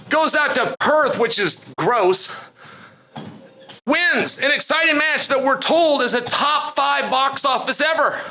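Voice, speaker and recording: High, bright-voiced American man, emphatic commentary. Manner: emphatic, repeats phrases for effect. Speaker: sports commentator. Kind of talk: opinion commentary to viewers.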